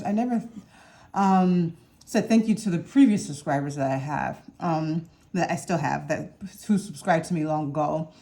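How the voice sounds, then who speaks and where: A woman's voice: mid-range voice, warm tone. A woman vlogger chatting casually to her viewers while eating a meal at home, rambling with hums and small laughs. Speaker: cooking vlogger. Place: home kitchen or dining room with window open.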